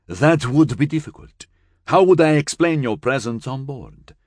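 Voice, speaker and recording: A male narrator voicing a calm, formal and dryly ironic living starship. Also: mid-range voice, unhurried, no echo, studio quality, voice pushed up, close to an everyday voice. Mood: cool.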